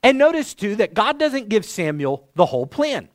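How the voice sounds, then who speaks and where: A man's voice: high voice, big pitch swings, moderate pace, dry recording, clean studio sound. A man preaching a sermon in an earnest, conversational way, like a pastor explaining scripture to his congregation.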